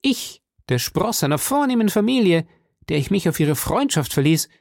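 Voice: medium pitch, very animated, normal speed, creaky, no echo, studio quality, pitched above the performer's own voice. Pompous boastful musketeer, as a reader puts him on. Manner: pompous, self-pitying. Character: vain boastful male musketeer, pompous nobleman. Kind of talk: audiobook character reading.

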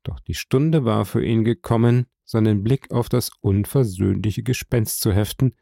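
A man narrating an audiobook in a measured, dramatic reading style. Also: lowish voice, gravelly, mellow, no room sound, studio quality. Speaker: audiobook reader.

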